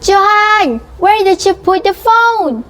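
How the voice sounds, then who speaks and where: Woman playing an annoyed, shrill-pitched storybook mother. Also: expressive, moderate pace. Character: annoyed, scolding mother of a schoolboy. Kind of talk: children's storybook reading.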